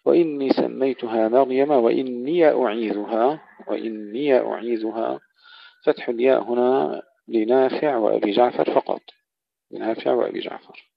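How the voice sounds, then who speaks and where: A man gives a tajweed lesson in a gravelly, rough-edged voice. He explains variant readings and slows down to recite each example verse. The recording is dry and dull, like lo-fi audio. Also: medium pitch, dry recording. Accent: Arabic. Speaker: Quran recitation teacher.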